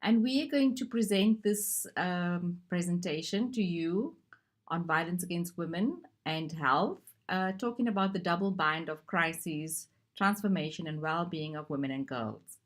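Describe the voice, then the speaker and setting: Woman from South Africa, gender advisor, low voice, talks conversationally with some hesitation. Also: unhurried. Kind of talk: recorded conference discussion.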